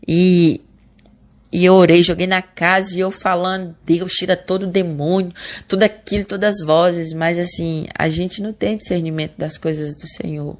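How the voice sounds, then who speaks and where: In a lowish voice with fairly even intonation and normal speed, a woman gives her testimony to the church. Her Brazilian Portuguese accent is clear, she speaks earnestly to her "brothers," and she keeps restarting and repeating words.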